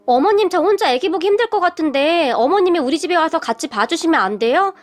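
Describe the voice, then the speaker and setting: A woman's voice: very high voice, lively intonation, fast. A woman voicing a young sister-in-law who whines and wheedles. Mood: wheedling. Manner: whiny, wheedling.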